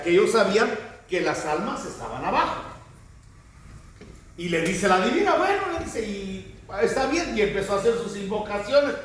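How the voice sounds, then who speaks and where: Man preaching, high voice, lots of room echo, sounds a bit far from the mic. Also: a little hiss or hum. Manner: animated storytelling, acting out quoted voices. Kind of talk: sermon. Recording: very echoey room, mic at a distance.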